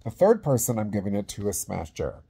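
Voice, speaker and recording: A man in his forties speaking as a casual awards presenter, halting and conversational, into a phone held at arm's length in a small room. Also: lowish voice, very animated, creaky, warm tone, slightly rough. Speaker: vlog host presenting awards. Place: small indoor room with plain wall.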